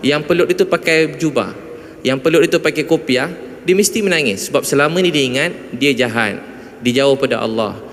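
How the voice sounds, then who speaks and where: A man with a Malaysian Malay accent giving a storytelling religious talk to a mosque audience, rising emphatically at high points. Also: a little fast, fairly bright tone. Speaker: visiting preacher. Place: large mosque hall. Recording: reverberant mosque hall.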